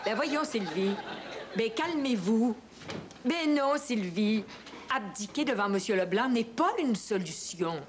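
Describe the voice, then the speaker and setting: A woman's voice: a little high, animated, slow pace, a crowd in the background. An actress playing a prim, fussy older mother-in-law, proper and easily flustered. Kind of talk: 1970s sitcom acting. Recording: old TV audio, hiss, laugh track.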